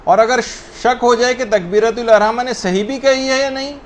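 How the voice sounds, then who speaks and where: A man teaching a religious lesson on the rules of prayer, explaining points step by step and slowly spelling out correct pronunciations. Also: very high-pitched, a little hiss or hum.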